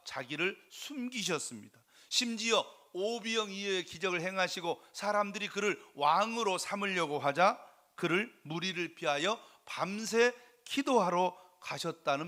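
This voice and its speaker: High bright-voiced preaching pastor. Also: male voice. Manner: preaching with rising fervor and rhetorical questions. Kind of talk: sermon. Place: church sanctuary.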